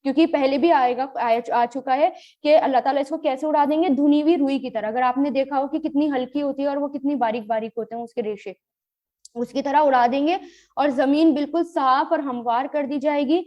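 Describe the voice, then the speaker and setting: A woman teaching a Quran grammar and tafseer lesson, glossing each word slowly and mixing in English terms. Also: high voice, steady tone, dull audio. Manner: slow, drawn-out word-by-word glossing with rhetorical questions; mixes English terms into explanations.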